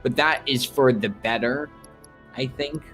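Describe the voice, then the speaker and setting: A man's voice: mid-range voice, measured pace, fairly bright tone, faint music behind. A man co-hosting a casual stream chat, rambling with lots of fillers. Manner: rambling, heavy use of "like". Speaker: stream co-host.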